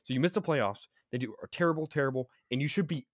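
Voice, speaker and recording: A man's voice: mid-range voice, lively intonation, fast, dry recording. A young man co-hosting a casual sports chat. He rambles and restarts his sentences, pushing his opinions hard. The recording is dry and slightly muffled. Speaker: sports podcast co-host. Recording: dry, dull lo-fi sound.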